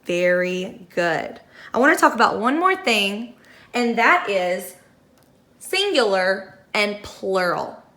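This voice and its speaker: A young woman teaching phonics to first graders, slowly sounding out letters and words and praising the class. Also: medium pitch, very animated, sharp tone. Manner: encouraging praise. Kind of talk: phonics lesson for young children.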